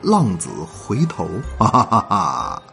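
A man's voice: lowish voice, huge pitch swings, takes it slowly, gravelly, pushed and bright, soft background music. A man hosting a comic folk-tale show, chatty and playful, dropping rhythmic verse and asides to listeners. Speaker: storyteller host.

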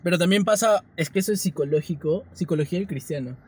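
A man's voice: high voice, fast, darkish tone, a little hiss or hum. A man, co-hosting a casual podcast and making joking asides. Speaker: podcast co-host.

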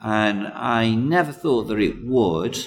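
Hesitant man, lowish voice. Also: expressive, slow. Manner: hesitant, many ums and restarts. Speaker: comedian guest. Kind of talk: casual interview chat.

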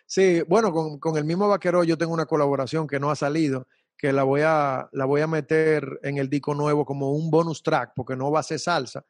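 A young man talks in a loose, slangy way, often repeating himself as he makes his point. His voice sits a little high for a man. The sound is dry and close. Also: steady tone, fairly quick, few pauses, no echo. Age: young adult. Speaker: salsa singer guest. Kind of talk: casual interview chat.

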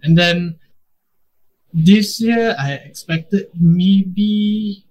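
A man's voice: sits high, very slow, a little mellow, low-quality recording. A man with a Malaysian English accent in a casual chat, using colloquial Singlish-style phrasing.

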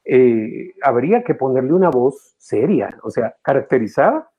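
A man, a voice actor and teacher, explaining his craft as an interview guest in an animated, demonstrative way, swinging his pitch widely. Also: normal speed, husky, narrow, tinny audio.

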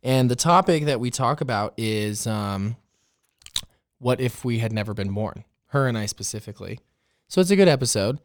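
A man's voice: medium pitch, expressive, normal speed, dry recording, studio quality. Sick man hosting a podcast. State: sick with a fever. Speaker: podcast host. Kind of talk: casual podcast intro chat.

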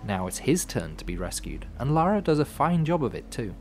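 A man hosting a podcast with scripted storytelling narration, in measured, dramatic phrasing with dry asides. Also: mid-range voice, big pitch swings. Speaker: podcast host. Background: music.

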